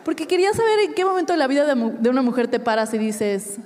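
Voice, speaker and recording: A woman's voice: high voice, fast talker, darkish tone, long reverb tail. A woman in her thirties with a Mexican accent performing a live stand-up routine on stage, chatty and swearing casually as she laughs at her own jokes. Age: 30s. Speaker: stand-up comedian. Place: comedy stage before a live audience.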